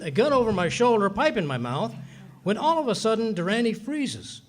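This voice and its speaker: In a live staged radio play at a hotel venue, a man plays a bumbling, boastful middle-aged husband spinning folksy tall tales in 1940s radio comedy style. His high-pitched voice moves at normal speed, blustering and excitable as he boasts through the story.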